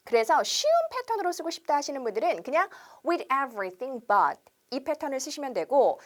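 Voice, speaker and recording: A woman teaching an English conversation lesson on TV, leading the viewer through repeat-after-me drills. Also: high voice.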